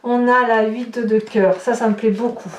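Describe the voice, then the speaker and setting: A woman with a fairly high voice reads tarot cards aloud, thinking aloud and exclaiming as each card turns. She sounds a little distant from the mic in an echoey room, with a faint hiss behind her. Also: steady tone, normal speed. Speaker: tarot reader. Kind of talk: tarot card reading to viewers. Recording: roomy echo, voice somewhat far from the mic, faint noise.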